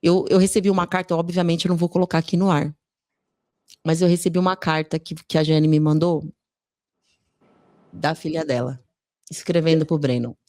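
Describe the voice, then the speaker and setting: Female podcast host, low-pitched, gentle and searching in interview. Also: steady tone, no room sound, studio quality. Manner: gentle, slow, searching questions. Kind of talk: emotional interview.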